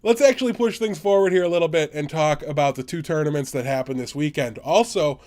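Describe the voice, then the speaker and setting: An American man co-hosting a gaming podcast, chatting casually and excitably, quick to laugh. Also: on the high side. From United States. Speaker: podcast co-host.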